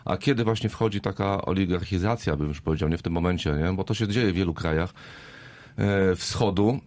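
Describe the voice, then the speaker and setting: A man's voice: sits low, brisk, a little mellow. A man speaking as a guest on a political panel, rambling, with many fillers and tag questions. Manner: rambling, with fillers and "right?" tags.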